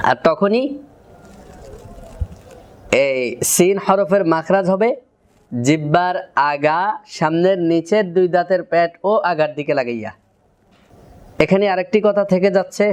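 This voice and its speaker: A Quran recitation teacher, a man with a Bangladeshi Bengali accent, lays out each step methodically and then drills the syllables aloud. His voice is high for a man and comes through smooth and resonant. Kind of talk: pronunciation lesson.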